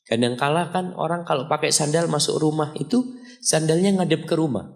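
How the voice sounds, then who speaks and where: Preacher in a reverberant hall. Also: male voice, fairly quick, creaky, a little mellow. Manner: storytelling, acting out quoted voices with high pitch jumps; addresses the congregation directly. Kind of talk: sermon.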